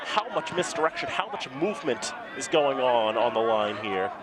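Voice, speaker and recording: A man doing live play-by-play American football commentary, with excited, drawn-out touchdown calls, in a noisy outdoor stadium. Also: medium pitch. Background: crowd and loud outdoor ambient noise.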